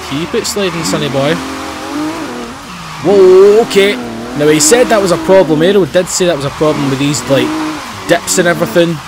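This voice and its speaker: A Scottish man with a slightly high voice talks casually as he plays, breaking into loud excited outbursts and cursing freely. Loud racing engines and squealing tires sit right under his voice throughout. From Scotland. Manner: excitable, swears freely, loud outbursts and laughs while driving. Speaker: gaming channel host. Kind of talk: casual gameplay commentary. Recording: loud game engine and tire noise behind voice. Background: racing game car engines and tire squeal.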